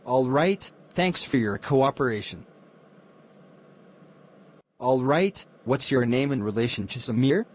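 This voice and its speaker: A man's voice: medium pitch, expressive, slow pace, long pauses. A man playing a formal, businesslike police officer questioning witnesses in a murder mystery film.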